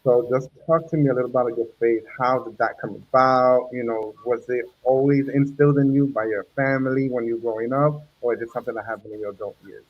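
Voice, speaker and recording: A chatty male host from New Jersey leads a relaxed interview, laughing easily and filling gaps with ums. His voice sits at a middle pitch. The recording sounds muffled and lo-fi. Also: fast, hardly any pauses. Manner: chatty, laughs often, many fillers. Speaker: podcast host. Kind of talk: casual interview.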